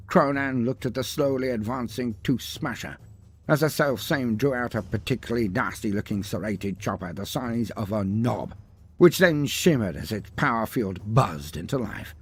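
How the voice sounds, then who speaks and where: With a husky, medium-pitched voice, a man narrates a fantasy lore script, dramatizing it in grand, showy fashion while slipping in dry, wry remarks.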